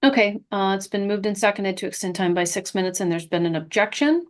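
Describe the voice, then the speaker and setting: A woman chairs a committee meeting over a video call. She moves briskly through motions, objections and votes, with a middle pitch for a woman. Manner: brisk procedural.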